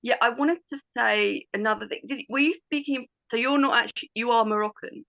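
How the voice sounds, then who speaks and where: A woman's voice: fairly high pitch, fairly quick, vocal fry. Rambling woman on a lo-fi call. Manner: rambling, hesitant, many fillers. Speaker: call participant. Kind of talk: casual group call chat. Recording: lo-fi online call audio.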